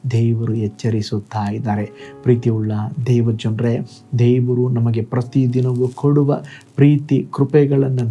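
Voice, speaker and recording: A man preaching a short devotional sermon as a pastor, in a measured way. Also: medium pitch, warm tone, dull audio.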